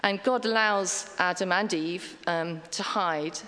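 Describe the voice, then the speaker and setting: Low-voiced woman preaching in a reverberant hall. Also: takes it slowly, pushed and bright. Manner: chatty and self-deprecating, many ums. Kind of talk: conversational sermon. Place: church hall.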